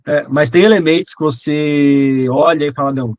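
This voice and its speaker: A man's voice: on the high side, fairly even intonation, normal speed, darkish tone. A man hosting a podcast, asking a guest loosely phrased questions in casual conversation. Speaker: podcast host, interviewer.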